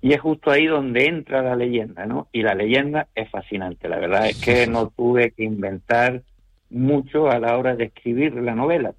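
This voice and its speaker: A novelist from the Canary Islands fields radio interview questions, answering thoughtfully and deliberately with many hesitations and tag questions. His voice is medium in pitch, and the broadcast sounds muffled.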